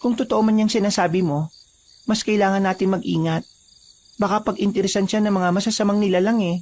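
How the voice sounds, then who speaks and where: A man's voice: sits high, steady tone, brisk, a little mellow, voice pushed up, lightly acted. A man voicing a cautious, worried village mother.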